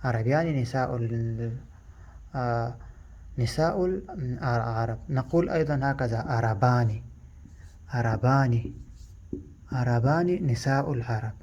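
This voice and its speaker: A native Pashto speaker teaches a language lesson in Arabic, explaining slowly and haltingly with a lot of repetition. His voice is medium-pitched and a little mellow, and the recording sounds muffled.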